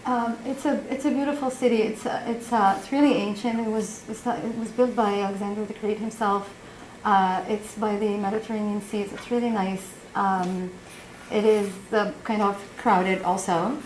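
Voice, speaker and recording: A woman in her forties from Egypt, testifying as a witness in a courtroom, speaking softly and hesitantly with many pauses. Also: medium pitch, steady tone, slight background noise. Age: 40s. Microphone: witness stand microphone. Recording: echoey courtroom audio.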